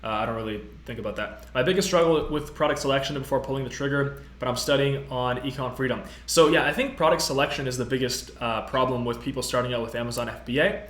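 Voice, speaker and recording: Young man, live-stream host, casual and upbeat, lots of fillers, mid-pitched voice, echoey room. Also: fast, few pauses, fairly bright tone. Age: 20s. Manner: casual, upbeat, many fillers, reads out chat. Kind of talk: live-stream tutorial chat. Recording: roomy echo.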